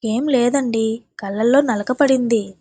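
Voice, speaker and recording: A woman voicing a sad young wife, soft-spoken. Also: a little high, a little slow, dry recording. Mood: hurt. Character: sad young wife hiding her pain.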